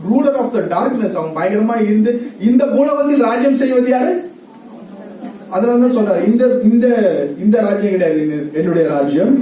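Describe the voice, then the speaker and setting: A man's voice: very high voice, warm tone, very echoey, far from the mic, low-quality recording. A male preacher giving a sermon, asking the congregation questions, repeating their answers and laughing often. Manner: laughs often while talking.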